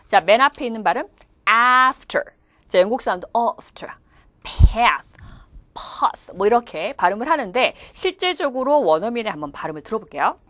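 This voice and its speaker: A woman teaching an English test class, animated and playful as she demonstrates pronunciation. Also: mid-range voice, very fast, hardly any pauses, no echo. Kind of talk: lively classroom lecture.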